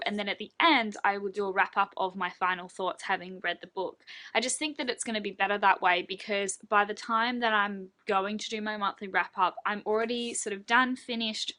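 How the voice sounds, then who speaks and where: A young Australian woman with a medium-pitched, sharp-toned voice chats casually in her reading vlog. As a book vlogger, she gushes and uses lots of fillers.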